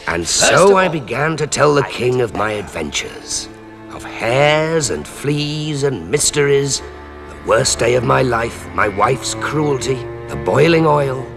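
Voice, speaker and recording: An actor playing a storyteller who narrates his tale theatrically in a television drama, slow and hushed, sometimes dropping to a whisper. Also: medium pitch, big pitch swings, creaky, in a large hall. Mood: grave. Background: music.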